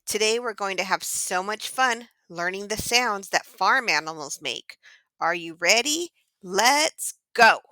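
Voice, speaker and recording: A woman's voice: medium pitch, lively intonation, measured pace, bright, forceful tone, dry recording. A woman voicing a cute, cheerful male pixie pig who hosts a children's farm-sounds lesson. She gushes over the animals and keeps encouraging the kids to join in. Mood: sweet, encouraging. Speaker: children's show host.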